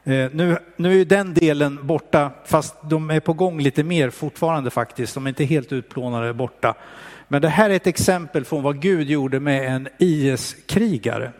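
A man's voice: a little high, moderate pace, in a large hall. A man preaching a sermon in a hesitant, pastoral manner.

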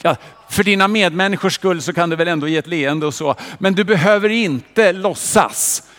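Higher-voiced man preaching in a church. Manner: lively, rhetorical questions and direct address to the congregation. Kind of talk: sermon. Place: church hall. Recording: long reverb of a church hall.

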